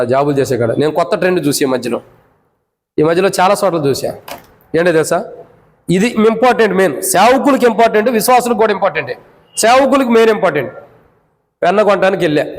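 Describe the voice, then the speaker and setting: A man preaching a sermon, emphatic, repeating phrases and swinging between raised and hushed delivery. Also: a little high, in a large hall, low-quality recording.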